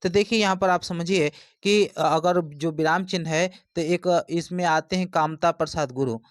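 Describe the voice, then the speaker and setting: A man's voice: fairly high pitch, dry recording, clean studio sound. A man teaching an exam-prep lesson, explaining step by step and repeating his points.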